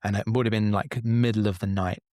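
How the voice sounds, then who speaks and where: A man in his forties from England rambles through a candid personal story, dropping the odd swear word as he goes. His voice sits on the low side. The sound is dry and close to the mic. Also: steady tone, a little fast, dark tone, dry recording. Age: 40s. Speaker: podcast guest. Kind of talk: casual storytelling.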